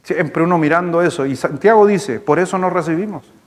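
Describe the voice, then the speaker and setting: A male pastor with a Chilean accent, preaching a sermon in a lively, storytelling way, speaking to the congregation. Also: fairly high pitch, a little fast. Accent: Chilean Spanish. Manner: storytelling, animated, conversational with congregation. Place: church hall. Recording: long hall reverb in church.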